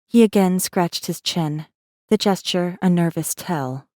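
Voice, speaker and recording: Her voice sits on the low side, a little slow and mellow, with clean studio sound, no echo, and a natural feel. For a space fantasy audiobook, the actress narrates as a guarded, wry rebel messenger recounting her own story, with a dramatic first-person delivery that's intimate, wary, sardonic and brooding.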